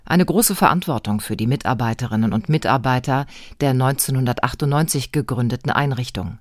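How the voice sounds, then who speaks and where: A woman reporter narrating a scripted radio feature in an even, clear voice. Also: a bass voice, a little fast, no echo, clean studio sound.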